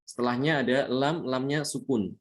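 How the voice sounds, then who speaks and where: A man teaching a tajwid lesson, explaining patiently, repeating points and slowly chanting Arabic examples. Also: mid-range voice. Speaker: Quran recitation teacher.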